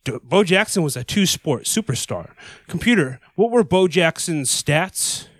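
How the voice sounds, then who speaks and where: A man with a fairly high voice, recorded close and dry. He talks as a co-host in loose, slangy banter, swearing freely and rambling through his points. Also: lively intonation, unhurried, dry recording. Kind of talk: casual banter with sponsor plug.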